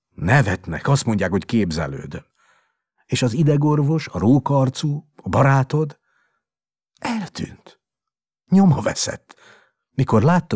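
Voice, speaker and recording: A man's voice: mid-range voice, a little mellow, slightly rough, no room sound, clean studio sound, pitched above the performer's own voice. A man voicing a worried poet father who speaks in an agitated, emphatic way in a storybook reading.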